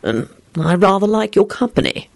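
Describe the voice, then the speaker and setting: A woman reader voicing a cheerful, teasing grown man who is a father, lowering her voice a little and keeping it easygoing. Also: sing-song, normal speed, vocal fry.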